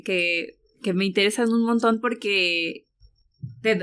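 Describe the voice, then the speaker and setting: A woman, a podcast guest speaking earnestly and thoughtfully in casual conversation. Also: medium pitch. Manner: thoughtful, earnest, many fillers.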